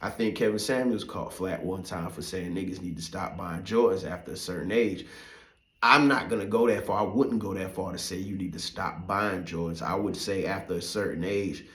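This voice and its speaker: Middle-aged man, lowish voice, casual profane ramble, echoey room. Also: moderate pace, fairly bright tone. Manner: loose, profane, rambling with many fillers. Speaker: podcast host. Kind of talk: casual monologue.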